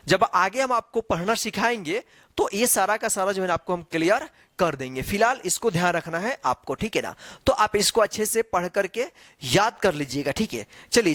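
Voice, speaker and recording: The clip is an online lesson where a man goes through the Hindi alphabet letter by letter, slowly and drawn-out, frequently checking in with and quizzing the viewer using repeated questions. His voice sits high with a fairly bright tone, and there's no room sound.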